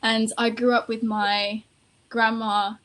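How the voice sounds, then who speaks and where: Woman, from Iran, panel guest, passionate storytelling, fairly high pitch. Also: takes it slowly, rough recording. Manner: animated, passionate storytelling with many fillers. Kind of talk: casual panel conversation.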